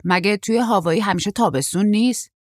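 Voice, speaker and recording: A woman's voice: medium pitch, no echo, studio quality, pitched above the performer's own voice, natural voice. A woman voicing a tall, lanky young male surfer who is shy but blunt and naive. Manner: naive, chatty, raised youthful delivery.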